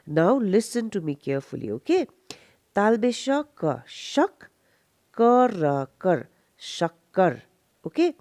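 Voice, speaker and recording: A woman with a Nepali accent teaches a children's class at a very unhurried pace. Her pitch swings widely as she sounds out words slowly, one syllable at a time. Her tone is soft and mellow, and she often stops to check that the class is following. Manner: slow, syllable-by-syllable pronunciation drills with frequent checking questions. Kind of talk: recorded Hindi class lesson for children.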